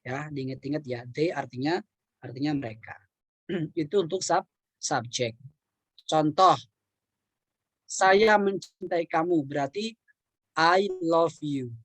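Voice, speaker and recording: A man teaching an online English class, explaining in Indonesian with patient repetition and frequent throat clearing. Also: fairly high pitch, slow pace, pauses often, fairly bright tone, no echo. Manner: patient, repeats words and examples, clears throat often.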